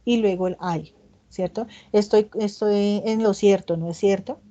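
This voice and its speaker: Female English tutor lecturing over a video call, soft mellow tone, slightly lo-fi audio, patient and stepwise, reads examples slowly. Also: mid-range voice, fairly even intonation. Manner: explains step by step, often checks in with "¿listo?". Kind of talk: online class lecture.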